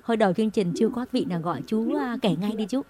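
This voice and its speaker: A woman's voice: fairly high pitch, racing. A woman co-hosting a call-in radio show, politely inviting listeners to call. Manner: polite, soft-spoken, reads out phone numbers. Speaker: radio co-host.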